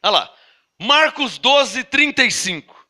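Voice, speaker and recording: A man preaching a sermon as pastor, leading his congregation through Bible verses, asking them to repeat after him and drawing out key words slowly between quick asides. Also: very high-pitched, big pitch swings, pushed and bright. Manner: teaching, asks congregation to repeat and read along; slow emphatic stress on key words, then quick asides.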